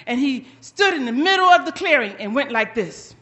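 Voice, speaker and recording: A woman storyteller telling a folktale to children with high energy and drama, stopping often to quiz her young listeners. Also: sing-song, moderate pace, fairly bright tone.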